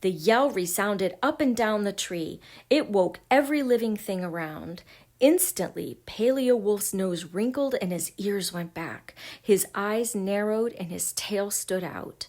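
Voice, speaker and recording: A woman reading a children's picture book aloud, gentle and expressive, sometimes dropping to a hush. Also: mid-range voice, a little slow. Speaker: storybook reader.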